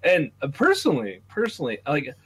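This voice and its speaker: A man's voice: on the high side, huge pitch swings, brisk, slightly rough. A man hosting a podcast, talking through news casually with strong opinions and swearing. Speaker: podcast host.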